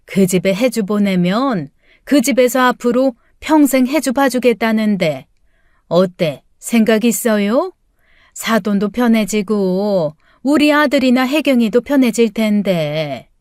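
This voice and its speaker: A woman's voice: on the high side, lively intonation, a little slow, a little mellow, dry recording, studio quality. A woman voicing a scheming, condescending older mother-in-law in an audiobook, coaxing and dismissive by turns. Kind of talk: audiobook character voice.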